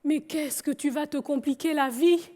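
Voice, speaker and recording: A woman's voice: sits high, normal speed, warm tone, pitched above the performer's own voice, natural voice. A woman voicing her stern, authoritative older father, pressing and insistent as she quotes him.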